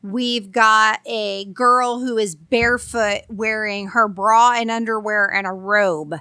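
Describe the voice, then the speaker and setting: Bright-voiced woman, wry podcast co-host. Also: fairly high pitch, fairly even intonation, takes it slowly, smooth, no room sound. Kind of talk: casual chat reviewing horror films.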